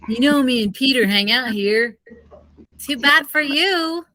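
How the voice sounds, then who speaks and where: Reading the characters' lines in a children's story, a woman delivers the acted dialogue in a theatrical, exclamatory style. Her voice sits high and is expressive, bright and forceful, at a slightly slow pace.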